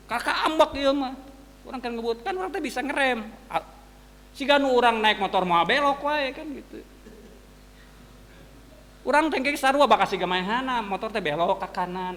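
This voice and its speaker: A man with a Sundanese accent preaching a dawn sermon to students, telling lively everyday stories. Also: very high voice, big-room sound. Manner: animated storytelling, mixing casual asides and quick sound words. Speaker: religious teacher. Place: mosque hall.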